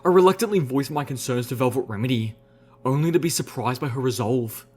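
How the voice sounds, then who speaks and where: A young adult man reading a story aloud as an audiobook narrator, steady and expressive. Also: medium pitch, brisk, slightly rough. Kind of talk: scripted narration.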